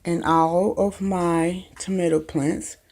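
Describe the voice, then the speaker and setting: Background noise accompanies a woman's low-leaning, gravelly voice as she speaks slowly and steadily. She's a gardening vlogger giving a casual, meandering tour of her small indoor makeshift greenhouse on a handheld phone, full of ums.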